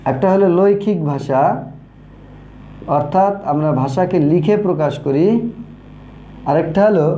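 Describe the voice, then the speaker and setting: A male teacher giving an online grammar lesson while he writes, talking slowly and saying each key term twice. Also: fairly high pitch, dark tone, lo-fi sound. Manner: slow and repetitive, says key terms twice. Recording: echoey room with faint noise.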